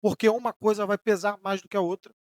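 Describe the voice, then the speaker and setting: A Brazilian man preaching a sermon as pastor, rising in emphatic bursts and then dropping soft, sometimes voicing the questions of his listeners. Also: high voice, fairly even intonation, quick pace, no echo, clean studio sound. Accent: Brazilian Portuguese. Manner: preaching with emphatic rises and sudden soft drops; voices imagined questions from listeners.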